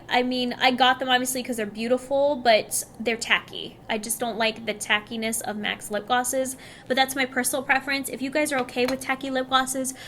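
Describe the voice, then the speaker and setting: A woman in her thirties chatting excitedly as a beauty vlogger, reviewing makeup with frequent laughs. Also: on the high side, a little hiss or hum. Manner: bubbly, chatty, laughs often. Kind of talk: casual product review.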